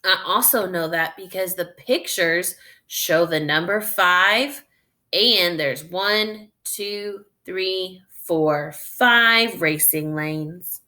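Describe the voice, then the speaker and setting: Speaking in a lowish voice, a woman reads a children's story as a teacher might. She talks through her thoughts and leads young listeners along in a slow, instructional way.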